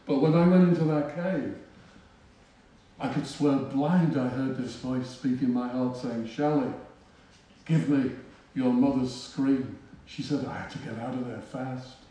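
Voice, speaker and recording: A man tells a story from the pulpit in a chatty, self-mocking way. His voice is mellow and warm. He sounds set back from the microphone in a very echoey hall. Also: medium pitch, steady tone, normal speed, distant mic. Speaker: preacher. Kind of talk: storytelling sermon. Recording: roomy hall, voice from off-mic.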